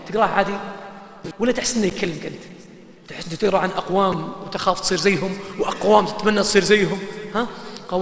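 A man preaching an emotional sermon, dropping to hushed lows and rising to loud, fervent highs. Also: vocal fry. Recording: echoey hall.

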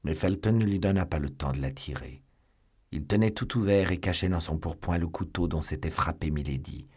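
A man's voice: sits low, brisk, darkish tone, husky. A man narrating a classic novel as an audiobook, reading dramatically and voicing every character.

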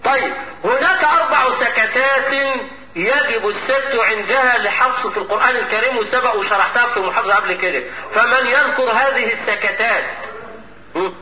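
High-voiced Egyptian recitation teacher. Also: male voice, a little fast. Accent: Egyptian Arabic. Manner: quizzing students, prompting answers; melodic chanted recitation in examples. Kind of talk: classroom lecture with questions. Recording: dull echoey classroom recording, faint noise.

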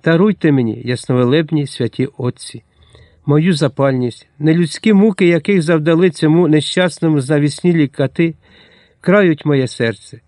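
A man's voice: fairly high pitch, normal speed, a little mellow, no room sound, clean studio sound, lightly acted. A man voicing a hot-tempered Cossack colonel who speaks vehemently and with passion. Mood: impassioned. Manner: impassioned, vehement.

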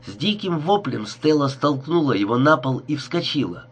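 A man's voice: fairly high pitch, sing-song, normal speed, breathy edge. A man narrating a crime story audiobook in a tense, dramatic reading.

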